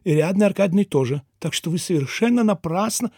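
A man's voice: high voice, lively intonation, fast, dark tone, husky, dry recording, studio quality, pitched above the performer's own voice, exaggerated voice. A man voicing a timid, earnest young clerk who talks in a nervous, stammering way. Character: timid, earnest young male clerk, jug-eared and pimply.

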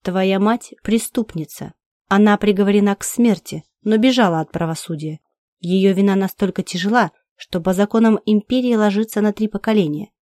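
A woman voicing a cold, cruel male alien interrogator who speaks slowly and evenly, reading an audiobook. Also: medium pitch, warm tone, no echo, clean studio sound, lightly acted. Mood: menacing. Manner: slow, level, menacing delivery. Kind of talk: audiobook character voice.

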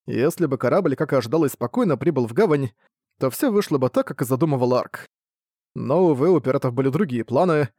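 A man narrating an audiobook in a steady, even storytelling manner. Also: medium pitch, no echo, studio quality. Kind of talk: scripted narration.

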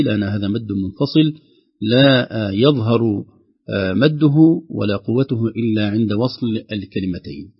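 A man's voice: mid-range voice, breathy edge, lo-fi sound. A man teaching the rules of Quran recitation, explaining each rule and then reciting the example himself. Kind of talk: tajweed lesson with recited examples.

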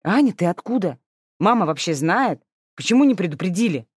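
An exasperated older sister, a young working student, voiced by a woman reading the book. She scolds sternly in a slightly raised, lively voice. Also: lowish voice, a little fast, slightly rough, no room sound, studio quality. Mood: exasperated scolding.

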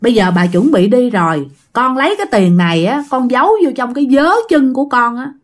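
A woman voicing a kindly old grandmother who speaks low and reassuringly. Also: animated, brisk, natural voice. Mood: soothing.

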